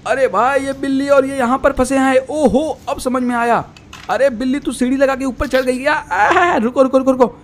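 High-ish voice guy playing with toys for kids, lots of ohos and arre. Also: normal speed, a little hiss or hum. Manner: lively, exclaiming. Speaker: toy channel host. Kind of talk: narrating toy play for children.

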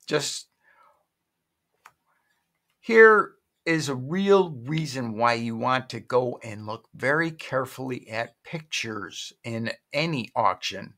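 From his home desk, a middle-aged man chats his way through an online auction site for viewers, rambling and catching his own mistakes. The online shopping vlogger has a medium-pitched voice with vocal fry and a fairly bright tone, and the talk is a casual screen-share walkthrough.

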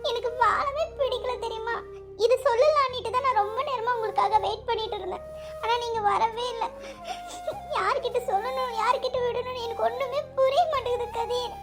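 Woman voicing Selvi, high-pitched anxious girl. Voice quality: very high girlish voice. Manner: fretful, pleading, quick to scold. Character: Selvi, shy anxious young village woman in love. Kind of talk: cartoon voice acting. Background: background music.

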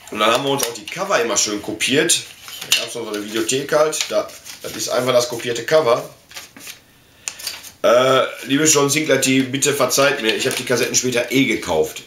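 A medium-pitched, slightly bright voice marks this German man in his forties, who chats enthusiastically in colloquial slang while showing off collectibles in a casual unboxing video. He's in a small indoor room crowded with collectibles, and the audio is echoey with faint noise and clicks.

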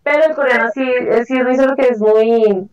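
A woman's voice: a little high, moderate pace, darkish tone, far from the mic, muffled recording. A woman guest in a casual panel chat, talking in a rambling, chatty way with many fillers and restarts.

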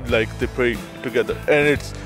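A man's voice: medium pitch, fairly even intonation, normal speed, a bit bright, soft background music. Hesitant young man, street interview. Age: young adult. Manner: hesitant, many fillers and restarts. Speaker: student interviewee. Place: outdoors on a city street by trees. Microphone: handheld shotgun mic held by interviewer.

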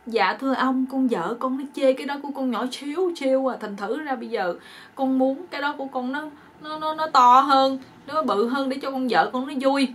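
A woman's voice: fairly high pitch, fast talker, hardly any pauses, distant mic, pitched above the performer's own voice, natural voice. A woman voicing a timid, whiny husband who wails and pleads for help. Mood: pleading. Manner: wailing, pleading.

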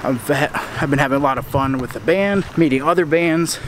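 A young American man, a tour videographer and vlogger, walks along a town street at night talking casually and earnestly to a camera held at arm's length. His voice is a little high, a bit bright, and a little fast, and the street around him is noisy.

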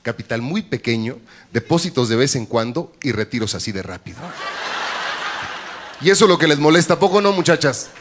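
A man with a Mexican accent doing a bawdy stand-up comedy routine on a live stage, jumping into shrill high voices for punchlines. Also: lively intonation, a little fast. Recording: live stage with audience crowd and noise.

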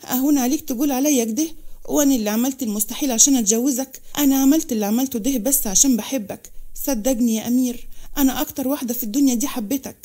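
Woman doing a wounded, pleading young wife with an Egyptian accent; fast storybook read. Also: sits high, mellow.

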